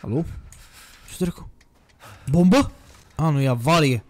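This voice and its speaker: A young gaming streamer with a slightly high voice plays a horror game into a desk USB mic, with no room sound. He's jumpy, chats casually, swears a lot, and yelps and shouts whenever something scares him.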